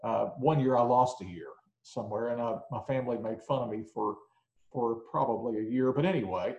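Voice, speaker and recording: A man's voice: mid-range voice, brisk, a little mellow, muffled recording. Man in his 60s, preacher, plain conversational sermon, roomy echo. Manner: conversational, with frequent uh fillers.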